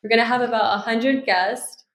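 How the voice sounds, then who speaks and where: In an echoey room, a woman in her twenties from Miami, Florida, chats as a podcast guest about being a bride-to-be and law student, her manner bright, positive and articulate throughout the casual interview. She speaks at a normal speed with a fairly high pitch and fairly even intonation.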